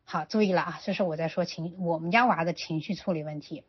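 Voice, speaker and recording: Casual: low husky mom rattling off a parenting story quick, acting out the dialogue, muffled lo-fi sound. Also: female voice. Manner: retells with quoted dialogue, many restarts. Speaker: parent sharing parenting advice. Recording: dull lo-fi recording.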